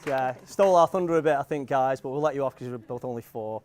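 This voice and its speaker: A young Manx man from the Isle of Man gives an informal groom's speech at a wedding venue, joking, rambling and hesitating as he goes. His mid-range voice has a darkish tone and a quick pace. The live room picks up the wedding crowd, with guests audible.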